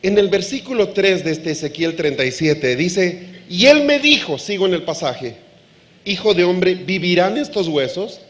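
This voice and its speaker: A man preaching a sermon as pastor, lively, asking the congregation questions and acting out dialogue. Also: high voice, normal speed. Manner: animated preaching, acts out dialogue.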